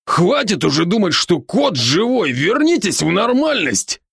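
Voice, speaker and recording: A brash, teasing werewolf buddy, voiced by a man in an audiobook, his gravelly voice leaping up and down as he jokes. The sound is close and dry. He never stops ribbing his friend. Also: sits high, big pitch swings, fairly bright tone, no room sound, full character voice. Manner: brash, teasing, rapid-fire banter. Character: boisterous, joking adult male werewolf friend. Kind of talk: audiobook character voice.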